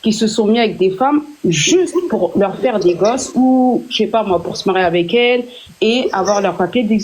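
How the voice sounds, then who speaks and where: A woman's voice: fairly high pitch, a little mellow, slight background noise. Young French woman speaking candidly. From France. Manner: candid, earnest, many restarts and fillers. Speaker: guest on a live stream. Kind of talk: casual live chat.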